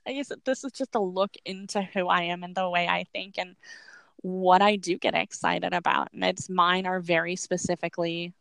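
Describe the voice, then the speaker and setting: Slightly wheezy, creaky-voiced woman podcast host. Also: fairly low pitch, fairly even intonation, normal speed, a bit bright, no room sound. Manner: rambling, informal, laughs easily. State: unwell, a little wheezy. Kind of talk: casual chat.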